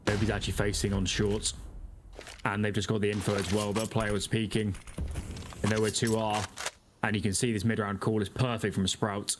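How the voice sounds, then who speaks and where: A man's voice: fairly low pitch, level tone, brisk. A man giving analytical live esports commentary as a caster, breaking down the tactics of the play. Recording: noisy, game gunfire behind the voice.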